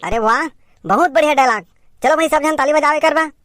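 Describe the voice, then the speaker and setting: High-voiced Chhattisgarhi woman playing a bossy teacher. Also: brisk, a bit bright, no room sound. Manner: bossy teacher tone, scolding and directing. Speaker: comedy sketch performer playing a teacher. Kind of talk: scripted comedy sketch in Chhattisgarhi.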